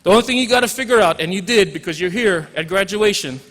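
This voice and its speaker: A fast-talking teacher in his forties from Hawaii delivers a casual commencement speech in a Hawaiian accent, with humor and some Pidgin mixed in. His voice is high-pitched and fairly bright, recorded with the echo of a large hall.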